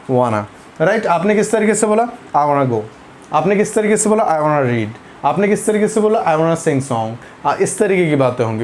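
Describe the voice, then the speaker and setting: An English teacher from India runs a spoken grammar lesson at a middle pitch, drilling one example sentence after another. The English phrases come out slow and deliberate, with frequent short words of encouragement between them. A faint noise sits underneath. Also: a little mellow. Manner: repeats "very good" and "ठीक है" as encouragement.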